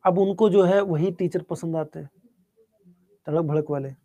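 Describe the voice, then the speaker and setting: A man teaching a live online exam-prep class, speaking softly and unhurriedly while answering students' chat questions. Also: a little high, no room sound. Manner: soft-spoken, calm and unhurried.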